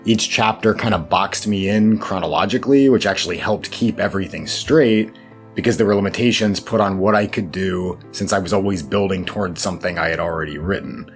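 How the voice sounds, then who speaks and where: Fairly quick and low-voiced, a man being interviewed as a horror fiction writer reflects on his work with self-deprecating thoughtfulness and wry asides. There is music in the background.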